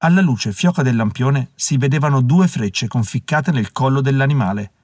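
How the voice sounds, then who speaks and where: Expressive male audiobook narrator. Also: medium pitch, no room sound, clean studio sound. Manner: measured, dramatic storytelling. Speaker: audiobook reader. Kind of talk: scripted narration.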